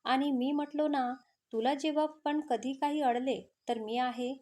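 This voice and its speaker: Raj, a calm caring young man, read by a woman. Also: sits high, unhurried. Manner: calm, reassuring.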